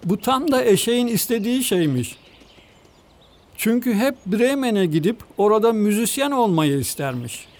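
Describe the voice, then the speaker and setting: A man narrating a fairy tale in an expressive, measured storybook reading. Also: high voice, slight background noise. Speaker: storybook reader.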